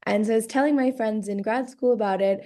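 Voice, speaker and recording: A woman guest raised in Miami, telling her story in a relaxed way and laughing easily in a casual interview. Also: on the high side, fast. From raised in Miami, born in Guatemala. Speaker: guest, author and graphic designer. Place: London.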